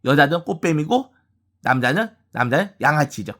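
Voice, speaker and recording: A man's voice: fairly high pitch, sing-song, bright, forceful tone. Man rambling with constant repetition. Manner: rambling, repeats words and phrases over and over; halting, with frequent restarts. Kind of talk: personal monologue about family grievances.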